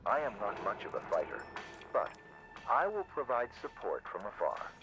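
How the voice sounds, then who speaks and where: A strange male non-human trying to pass as a fellow human in a video game. His lowish voice swoops widely as he hands out formal, overly polite orders. Loud game music plays behind him. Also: wildly swooping pitch, normal speed, poor audio. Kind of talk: video game character dialogue. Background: loud game music and gunfire.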